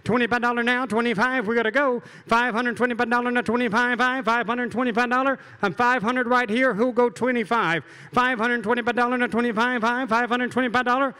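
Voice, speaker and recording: A man with an American accent working as an auctioneer, calling bids in a fast, repetitive, rhythmic chant with folksy patter, over a PA in a big hall. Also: extremely high pitch, fairly even intonation, bright, forceful tone, clear, resonant tone. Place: large event hall, over a PA. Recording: hall PA with long reverb.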